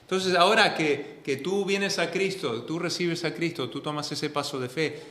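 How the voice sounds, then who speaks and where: A male pastor from delivers a sermon in a somewhat high voice. He preaches earnestly, repeating key phrases, rising to loud stresses and dropping to quiet asides. The sound rings with the echo of a church hall. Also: normal speed. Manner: swings between loud stresses and soft, low asides. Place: church sanctuary.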